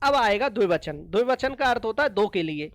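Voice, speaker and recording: A woman teacher explaining a lesson to children, slowly repeating each word and asking questions that she answers herself. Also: fairly high pitch, animated, no room sound. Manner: slow and repetitive, asks questions then answers them.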